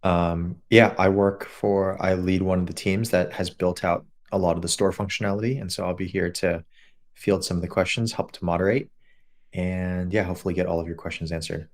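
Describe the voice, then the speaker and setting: A man introducing himself as a team lead and moderator on a live webinar, hesitant and low-key. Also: steady tone, brisk.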